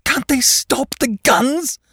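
A man's voice: extremely high pitch, slow, creaky, pushed and bright, husky, no room sound, clean studio sound, voice pushed up, full character voice. A man voicing a shell-shocked young aristocrat, frantic and shivering, his voice climbing in panic. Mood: panicked. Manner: frantic, rising to cries. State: shivering, teeth chattering.

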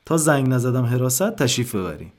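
A man's voice: medium pitch, big pitch swings. A man voicing a stern, impatient doctor who speaks curtly.

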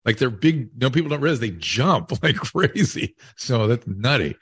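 A man hosting a casual interview, rambling and thinking aloud in a halting way. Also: medium pitch, sing-song, fairly bright tone, slightly rough, no echo. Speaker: podcast host and interviewer.

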